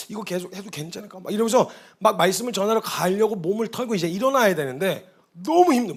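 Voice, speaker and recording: Earnest high-voiced man preaching a testimony. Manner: earnest, confessional storytelling. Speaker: missionary preacher. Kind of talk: conversational testimony sermon. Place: church hall.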